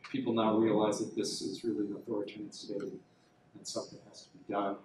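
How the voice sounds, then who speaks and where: A guest speaker, a middle-aged journalist, responds to audience questions in a university classroom in a meandering way, with many fillers and restarts. His voice is fairly low, level, quick and a little mellow. A far camera with no mic records echoey sound with a little hiss or hum.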